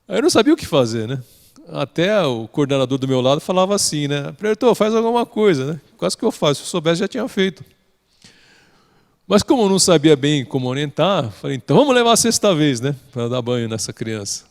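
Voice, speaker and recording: A man's voice: on the high side, very animated, a little fast, vocal fry. A man with a Brazilian Portuguese accent teaching a religious study lesson as a story, often ending phrases with a questioning "né?". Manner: tags sentences with a questioning "né?". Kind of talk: storytelling lecture. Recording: long hall reverb.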